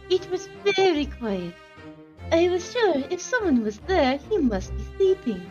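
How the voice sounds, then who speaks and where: A jittery cat-loving passenger with a thick Russian accent, as a woman puts her on, telling her story in halting, uneasy bits. The voice sits high and light. It comes through a dull, lo-fi recording with faint game music underneath. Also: very animated, full character voice. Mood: anxious. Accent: put-on Russian accent. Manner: hesitant, halting confession.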